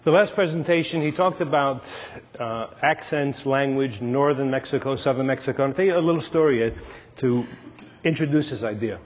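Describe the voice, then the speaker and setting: Speaking a little fast in a mid-range voice, a Brooklyn-born analyst gives an emphatic, story-driven podium talk, gesturing with his hands. He's on a clip-on lapel mic on a large dark stage in a lecture hall, and the lo-fi recording carries long hall reverb plus a little hiss or hum.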